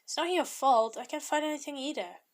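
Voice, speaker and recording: An earnest, polite teenage alchemist, thoughtful and quietly clever, as a woman reads his lines in a storybook reading. His voice stays near an everyday speaking tone. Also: sits high, a little fast, pitched above the performer's own voice. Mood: reassuring.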